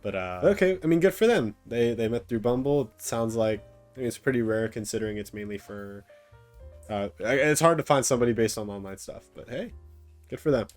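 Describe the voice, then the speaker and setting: A man's voice: medium pitch, lively intonation, a little fast, faint music behind. A young man commenting casually on a video he is watching, thinking aloud with many hesitations. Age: young adult. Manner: musing, hesitant, many fillers. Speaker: reaction video host. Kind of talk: casual commentary over a clip.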